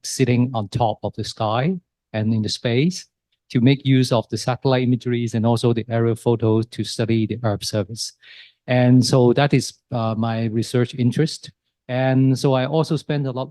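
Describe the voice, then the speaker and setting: A geography lecturer, a man, introduces himself in an easygoing, conversational manner. His voice is mellow and mid-pitched, recorded dry and close. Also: no echo. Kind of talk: panel self-introduction.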